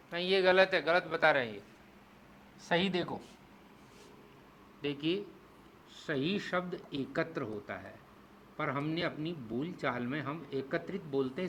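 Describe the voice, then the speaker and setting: Bright-voiced male Hindi teacher. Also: high voice, slight background noise. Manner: explains step by step, asks the class "clear?"; slows down and spells out syllables to teach pronunciation. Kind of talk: exam-prep lecture.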